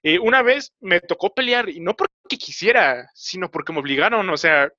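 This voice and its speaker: A young man with a Mexican Spanish accent recounts his own story in a halting, rambling way, full of filler pauses. His voice sits a bit high and sounds bright and edgy. The recording is dry and slightly dull. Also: expressive, no room sound. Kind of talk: casual personal storytelling.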